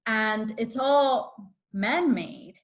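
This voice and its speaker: A woman's voice: a little high, very slow. Earnest reflective woman from Chile. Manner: earnest, reflective, with fillers and soft laughs. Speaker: panelist. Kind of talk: panel discussion.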